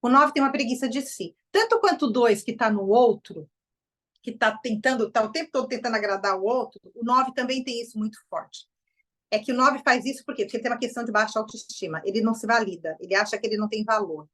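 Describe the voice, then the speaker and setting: A middle-aged woman with a Brazilian Portuguese accent giving an informal, animated lecture to a group. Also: fairly high pitch, quick pace. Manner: lively, animated, acts out quoted voices. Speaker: enneagram presenter.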